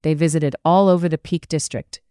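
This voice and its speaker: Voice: medium pitch, fairly even intonation, a little fast, dark tone, no room sound, studio quality, lightly acted. Narrator voicing Mary, a prim scolding young woman. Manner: chiding, prim.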